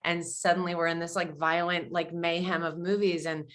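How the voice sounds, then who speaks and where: A woman's voice: fairly low pitch, little pitch movement, moderate pace, a bit bright. Gushing woman panel moderator. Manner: enthusiastic and gushing, many filler words. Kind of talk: casual panel conversation.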